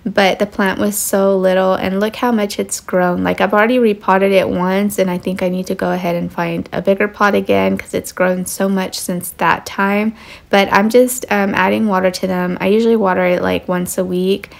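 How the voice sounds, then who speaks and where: A woman's voice: mid-range voice, normal speed, gravelly. A mother narrating her home cleaning in a casual, rambling way with many fillers. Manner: relaxed, rambling, lots of fillers.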